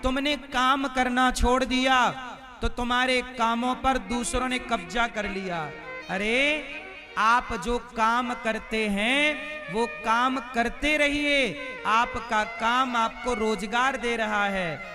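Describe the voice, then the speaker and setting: A man's voice: very high voice, fairly even intonation, slow pace. A man giving a devotional sermon to a live crowd, preaching and firing rhetorical questions at his listeners. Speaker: religious storyteller. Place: live religious gathering. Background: instrumental devotional music.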